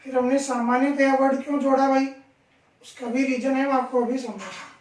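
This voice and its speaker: A man teaching a grammar lesson in a classroom, his voice pitched high. He keeps asking the class questions and slowly repeats each example. The sound is roomy and echoing, picked up from across the room. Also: fairly even intonation. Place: classroom with a board. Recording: echoey room, voice from far off.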